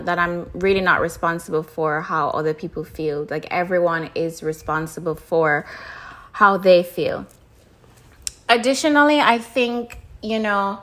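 A woman hosting a solo podcast, talking through personal reflections in a candid, chatty way, full of "like" and "you know" and quick laughs. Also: medium pitch, pushed and bright. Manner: casual and chatty, many fillers like "like" and "you know"; candid, laughs now and then. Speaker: podcast host.

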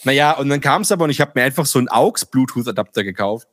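A man in casual chat, telling lively stories, acting out dialogue and swearing freely. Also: mid-range voice, fast, no echo, clean studio sound. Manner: animated storyteller, acts out dialogue, swears casually.

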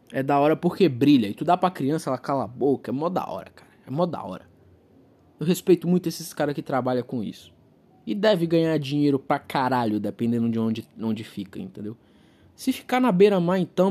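Husky profane Brazilian man ranting. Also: fairly high pitch, expressive, fairly quick, a little mellow. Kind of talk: comic rant monologue.

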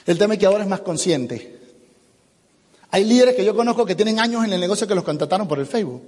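A man giving an animated motivational business seminar talk, acting out little dialogues as he goes. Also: sits high, quick pace, in a large hall. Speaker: business speaker.

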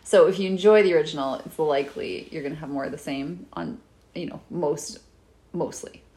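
A woman's voice: deep voice, a little fast, a little mellow. A woman co-hosting a podcast, chatting wryly about films and laughing often. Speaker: podcast co-host. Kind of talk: casual film chat.

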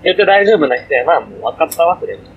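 A man's voice: on the high side, big pitch swings, fast talker, highs cut off, a little hiss or hum. A young man co-hosting a casual podcast livestream, rambling and apologetic, slipping into a Kansai accent. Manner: rambling, self-deprecating, slips into Kansai dialect. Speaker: podcast co-host.

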